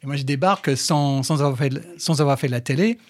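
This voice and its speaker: A middle-aged man from England, a podcast guest, telling stories in French with an English accent, animated and full of restarts. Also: medium pitch, quick pace, no room sound, studio quality. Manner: animated storyteller, fillers and restarts. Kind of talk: casual conversation. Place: studio.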